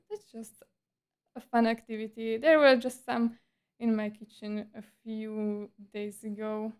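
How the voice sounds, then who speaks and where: A woman's voice: a little high, a little mellow. A woman streamer chatting casually in a livestream monologue, with a breezy, playful and slightly coy, teasing manner.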